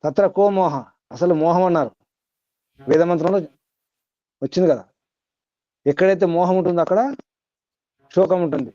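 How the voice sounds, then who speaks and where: A man's voice: high voice, moderate pace, pauses often, dark tone, no echo, highs cut off. A man giving a spiritual discourse to a class, repeating points, chanting Sanskrit verses and quizzing his listeners. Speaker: spiritual teacher.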